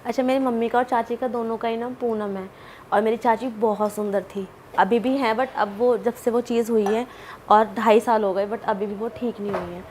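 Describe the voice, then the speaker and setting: Chatty woman guest with a slightly high voice, telling a story in a loose, animated way. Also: moderate pace, a little hiss or hum. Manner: chatty, animated, full of asides and fillers. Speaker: podcast guest. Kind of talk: casual storytelling.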